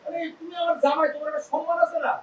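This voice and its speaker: A man's voice: extremely high pitch, level tone, very fast, slight background noise. An actor playing a proud, indignant father-in-law who scolds his son-in-law in a TV comedy drama. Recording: roomy, distant from the mic.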